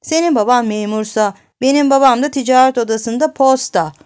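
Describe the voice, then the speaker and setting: A woman voicing a stubborn seven-year-old girl who brags back in a high voice. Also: a little fast, darkish tone, smooth, close to an everyday voice. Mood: boastful. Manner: bragging back.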